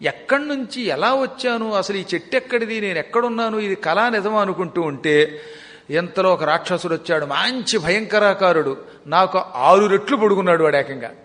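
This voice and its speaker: High-voiced man telling a devotional tale. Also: a bit bright. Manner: dramatic, slows down for vivid descriptions, joking asides. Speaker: religious storyteller. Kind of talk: devotional storytelling discourse. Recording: long hall reverb.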